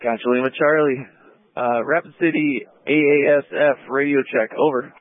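A man's voice: mid-range voice, steady tone, normal speed, dry recording. A man works through a list of stations on a two-way radio, calling each for a radio check in short procedural phrases. His voice sits in a middle register. The transmission sounds thin and narrow-band, with no room sound at all. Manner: clipped procedural radio speech. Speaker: radio net controller. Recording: tinny dry radio audio.

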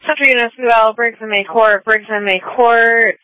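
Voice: medium pitch, steady tone, moderate pace, no echo, dull audio. A police dispatcher heard over police radio, giving clipped calls and repeating addresses and codes. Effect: police radio transmission.

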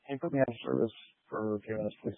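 A man working as an emergency responder, heard over an emergency radio channel, speaking in hurried, terse radio talk. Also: on the low side, big pitch swings, no echo. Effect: emergency radio transmission. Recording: narrow, dry radio channel.

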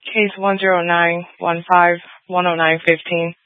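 A woman's voice: fairly low pitch, level tone, a little slow, no echo. A woman dispatcher speaking in clipped radio codes over a police radio transmission. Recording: tinny dry radio scanner audio.

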